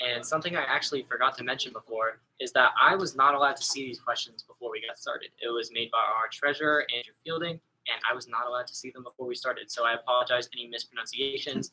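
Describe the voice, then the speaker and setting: A man's voice: medium pitch, fairly even intonation, quick pace, few pauses, pushed and bright, poor audio. A young man hosting a virtual trivia contest, reading each question twice and slipping in casual asides. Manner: casual and chatty, with small asides. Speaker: trivia quiz host. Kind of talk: reading quiz questions over a video call. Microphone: computer mic on a video call.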